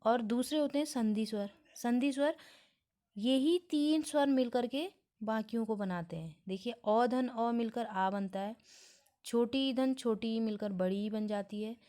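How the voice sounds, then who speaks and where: A woman's voice: on the high side, measured pace, dark tone. Woman teaching a grammar lesson. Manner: explains step by step, often checks in with listeners.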